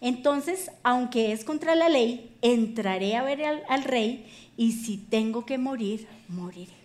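A woman preacher speaks as a young queen torn between fear and resolve, earnest and pleading in a high voice. The delivery stays close to the preacher's own. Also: expressive, a little slow, a little mellow. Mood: solemn.

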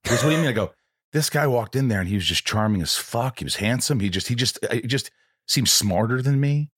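A man in his late forties hosting a podcast, chatting casually and telling stories in an animated, joking way. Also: medium pitch, fast talker, breathy edge, no room sound, studio quality. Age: 40s. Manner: animated, jokey storytelling. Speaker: podcast host.

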